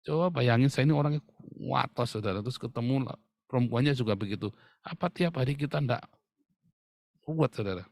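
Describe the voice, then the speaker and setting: A man's voice: mid-range voice, a little fast, gravelly, pauses often, a little mellow, no room sound, clean studio sound. Man preaching a sermon. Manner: addresses the congregation as "Saudara" often, with humor and laughs. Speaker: pastor.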